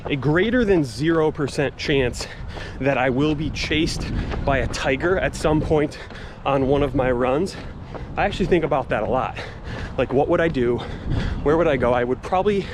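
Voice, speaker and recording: A man chatting casually to camera as a self-deprecating, joking vlog host while jogging outdoors. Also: on the high side. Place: outdoors on suburban streets and paths. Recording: noisy outdoor street recording with traffic.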